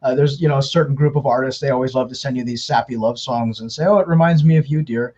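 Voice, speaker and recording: Captured in dull lo-fi sound, this man is a scam baiter being interviewed. He explains things conversationally and fast in a steady, mid-range, slightly mellow voice, stumbling over restarts and fillers along the way.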